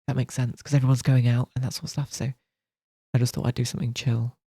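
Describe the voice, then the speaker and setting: Husky, half-whispering male streamer. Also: medium pitch, level tone, fast, no room sound, clean studio sound. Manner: half-whispered, soft-spoken, rambling with restarts. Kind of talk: casual live-stream chat while carving a pumpkin.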